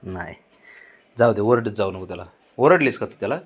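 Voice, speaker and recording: Older man coaxing a pet, lively pitch. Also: a little fast, breathy edge. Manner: coaxing, babying the cat. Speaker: grandfather coaxing the family cat. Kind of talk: casual home video chat.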